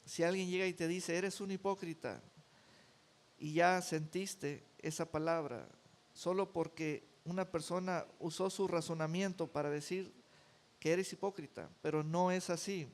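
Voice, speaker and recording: A man's voice: high voice, steady tone, a little slow. A male pastor preaching a sermon, emphatic, often repeating words for weight.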